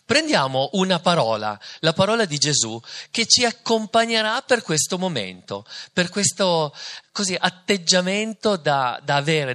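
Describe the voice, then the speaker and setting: A man's voice: a little high, sharp tone. A man, a priest, giving a conversational sermon to a couple, reading scripture and asking rhetorical questions.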